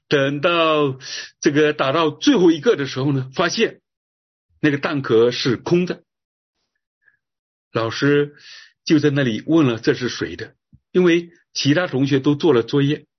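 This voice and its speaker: A male pastor with a very husky, breathy voice gives an earnest sermon, telling a story and then leading a prayer. His voice sits at an ordinary middle pitch. The recording is dull and lo-fi. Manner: earnest storytelling preacher, drawn-out phrases with filler "哈".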